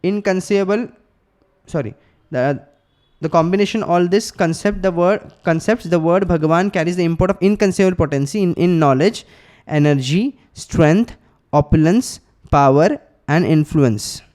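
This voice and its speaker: A man teaching a scripture class in Hindi and English, explaining verses slowly with pauses and repeated phrases. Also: high voice, darkish tone. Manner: tells listeners to write points down.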